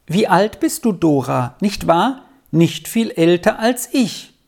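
A reader voicing an eager, excitable young girl in a storybook reading, in a raised, bright register. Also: medium pitch, measured pace, vocal fry, voice pushed up. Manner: eager, pleading.

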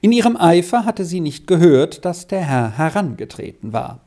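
An expressive storybook narrator with a mellow, dark tone and a lively melody. The reading is measured and clear. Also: mid-range voice. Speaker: audiobook reader.

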